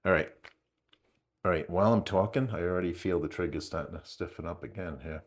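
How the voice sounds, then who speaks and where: A low-voiced man with a New England accent talks through a hands-on gear test. He calls out readings one after another and rambles into chatty asides between them, in an easy, unscripted way. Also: fairly quick. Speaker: channel host testing gear. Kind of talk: casual hands-on test narration.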